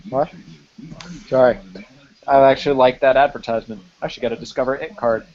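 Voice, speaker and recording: Over muffled online call audio, a man with a medium-pitched, steady voice talks briskly. He writes for a film site and is hosting a casual live-stream chat about movies, swearing freely and leaning on fillers like "like."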